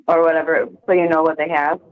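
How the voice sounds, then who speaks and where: A woman's voice: low-pitched, little pitch movement, fast talker. A woman on a recorded prison phone call, talking in an easygoing way with frequent laughs and fillers. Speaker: friend on the outside. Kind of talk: casual phone chat.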